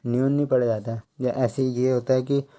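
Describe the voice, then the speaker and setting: A man giving a slow tutorial, counting out numbers one by one and explaining how each is read. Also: mid-range voice, little pitch movement, mellow. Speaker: language teacher.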